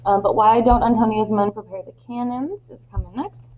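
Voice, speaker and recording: A woman's voice: on the high side, normal speed, crowd noise. A woman teacher reading a story aloud and explaining it with patient fillers. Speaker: Spanish teacher. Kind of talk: recorded classroom lesson reading. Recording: tinny phone-like line with faint hum.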